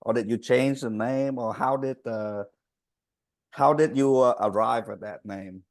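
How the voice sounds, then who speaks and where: A man hosting a casual podcast interview. His speech is halting, with restarts, and his grammar is slightly nonstandard. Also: medium pitch. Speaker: podcast host.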